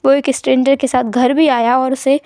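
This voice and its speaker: Expressive woman storyteller, high voice. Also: normal speed, no echo, studio quality. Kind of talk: retelling a fan story.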